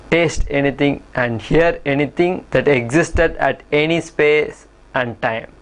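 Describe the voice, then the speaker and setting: A man presenting scripted news in the manner of a field reporter. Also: a little high. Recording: music behind the voice. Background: music.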